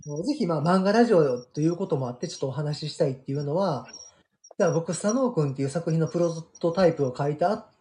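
A man's voice: a little high, fast. A middle-aged man with a Kansai Japanese accent, a guest manga artist telling stories in a casual radio chat, full of fillers and restarts. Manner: animated storyteller, many fillers.

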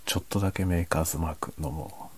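A man chatting casually and quietly late at night, half whispering as if others in the house are asleep. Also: rumbling low, fairly even intonation, fast, heavy background noise. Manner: speaks quietly, half whispering, so as not to wake sleeping family. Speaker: host of a late-night audio chat. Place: at home at night. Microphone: microphone without windscreen, slightly backed away.

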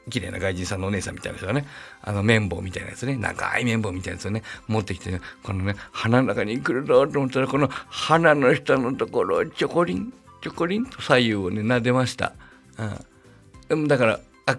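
A man's voice: medium pitch, vocal fry, a bit bright, slightly rough. A middle-aged man hosting a podcast, telling a story in a chatty, rambling way with wry asides. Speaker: podcast host. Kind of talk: casual storytelling monologue.

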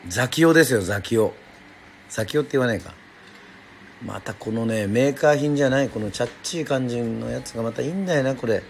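A man's voice: medium pitch, quick pace, creaky, slight background noise. A middle-aged man from Yoron Island hosting a casual live radio stream, chatting, joking at himself and answering listener comments. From Yoron Island, Japan. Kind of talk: casual livestream chat.

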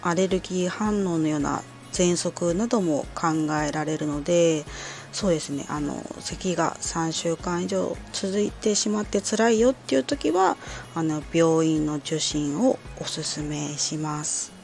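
A woman speaks in a low-pitched voice as a podcast host giving informal health advice. She explains things politely and a little hesitantly, phrase by phrase. Faint music plays behind her. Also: expressive, unhurried, gravelly, a little mellow. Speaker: podcast host answering listener letters.

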